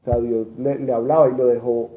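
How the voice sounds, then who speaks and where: A man's voice: medium pitch, little pitch movement, brisk. A man, telling a testimony story in a Bible study class, rambling with restarts and quoted dialogue. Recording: tinny lo-fi room recording with faint noise.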